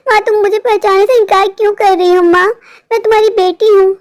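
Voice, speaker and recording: A lost ghost daughter in a cartoon horror tale, very high and plaintive, calling out for her mother, as a woman acts her out. Clinging and pleading. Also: steady tone, fairly quick, no echo, clean studio sound. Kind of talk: animated horror story voice acting.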